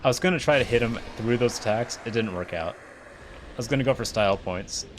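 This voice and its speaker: A man's voice: medium pitch, brisk, a little hiss or hum. A man streaming a video game, chatting casually and rambling upbeat about what he is playing. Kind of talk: casual gameplay commentary.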